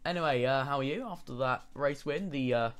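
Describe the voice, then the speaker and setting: A man's voice: medium pitch, a little fast, fairly bright tone, smooth. A man with a northern English accent commentating a sim-racing event and interviewing drivers, chatty, with fillers and self-corrections. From northern England. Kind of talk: live esports race commentary.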